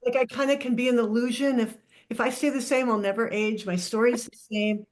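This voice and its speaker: A woman's voice: fairly high pitch, fairly even intonation, a little fast. An older woman in a casual book club discussion, speaking candidly and swearing freely.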